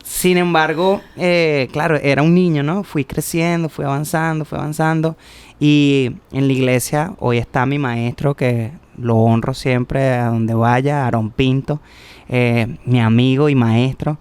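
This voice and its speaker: A man's voice: mid-range voice, a little slow, smooth. A young man, chatting on a podcast and telling a personal church story, acting out the voices in it. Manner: animated storytelling, acts out quoted dialogue. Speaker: podcast co-host, church musician. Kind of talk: casual chat, personal testimony.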